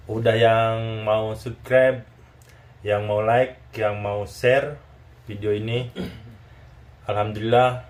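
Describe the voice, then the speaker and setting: A man's voice: medium pitch, a bit bright. A man hosting a casual chat interview, talking in a teasing, chatty way and often seeking agreement. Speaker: YouTube channel host.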